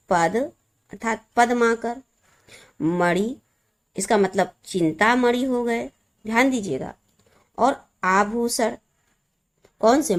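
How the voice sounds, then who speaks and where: Hindi teacher woman drilling students patiently. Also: a little high. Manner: repeats key words slowly, addresses students as children. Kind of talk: classroom lesson explaining memory tricks.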